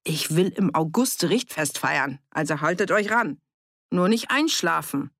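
Gruff curt farmer guy, read by a woman, low gravelly voice, dry close audiobook. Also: expressive, unhurried, fairly bright tone, no room sound, heavily acted. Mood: bossy. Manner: curt, brusque. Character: gruff, dismissive male farmer.

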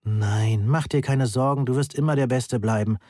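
A man's voice: medium pitch, normal speed, no echo, studio quality, lightly acted. A man voicing a blunt, irritated young female math student who talks curtly and sharply in a German audiobook. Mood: evasive. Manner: curt and sharp-tongued.

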